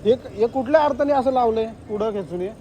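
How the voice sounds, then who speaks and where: A man argues out on a street by some shops, his voice pitched very high. He is insistent and keeps repeating his points about who has the right to what. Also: animated, quick pace, dark tone, highs cut off, a little hiss or hum. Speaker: rider confronting shopkeepers. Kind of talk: heated street argument. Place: street outdoors near shops.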